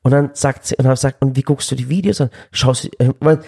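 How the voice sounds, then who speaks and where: Gravelly, dark-voiced man telling a story. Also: mid-range voice, steady tone, quick pace. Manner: rambling, full of restarts and quoted dialogue. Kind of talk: casual conversational storytelling.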